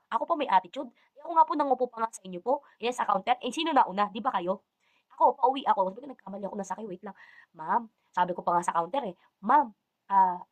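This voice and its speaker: A woman's voice: a little high, no room sound. A woman ranting indignantly to the camera, defending herself and slipping into English phrases. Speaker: vlogger answering accusations. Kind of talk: heated personal rant to camera.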